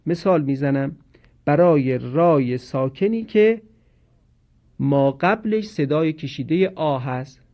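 Male recitation teacher, measured and patient, slightly high voice, muffled lo-fi recording. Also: lively intonation. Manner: slow, measured explanation with drawn-out recited example words. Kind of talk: instructional lesson on Quranic pronunciation.

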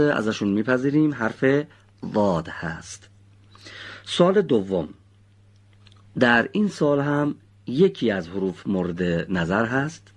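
A man's voice: mid-range voice, husky. A male teacher patiently quizzing his pupils and praising their answers. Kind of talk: classroom teaching with questions to pupils.

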